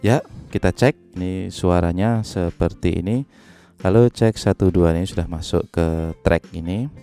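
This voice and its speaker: A man walks through recording software in a relaxed, step-by-step way, pausing on little fillers. His voice sits low and mellow. It is recorded on a studio microphone in a home setup, with faint music behind. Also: vocal fry. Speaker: music production tutor. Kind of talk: software tutorial. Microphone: studio microphone into a sound card.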